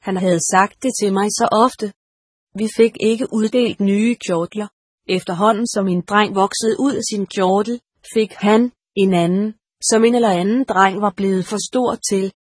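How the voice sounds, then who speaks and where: Husky woman narrating an audiobook. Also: medium pitch, fairly even intonation, no echo, clean studio sound. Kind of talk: first-person audiobook narration.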